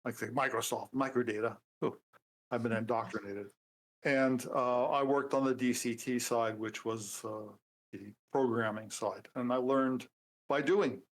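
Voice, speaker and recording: An older man in his seventies talks at an ordinary middle pitch. He sounds relaxed and a bit wry, with plenty of "uh"s and restarts as he remembers things. It is a casual conversation, not a performance. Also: a little slow, poor audio. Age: 70s. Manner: relaxed, dry humor, frequent fillers and restarts. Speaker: guest programmer. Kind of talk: casual interview chat.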